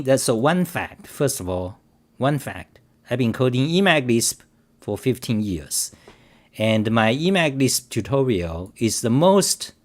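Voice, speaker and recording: A man with a mid-range voice hosts a coding livestream, rambling through an unscripted rant. He restarts repeatedly, stays defensive and emphatic, and reads chat aloud to address viewers directly.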